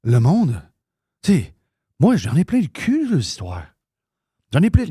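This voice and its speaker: A man's voice: on the high side, huge pitch swings, measured pace, warm tone, slightly rough, dry recording, studio quality. A man with a Québécois accent, hosting live radio talk in a heated, ranting way, swearing freely. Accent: Québécois French. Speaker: radio show host.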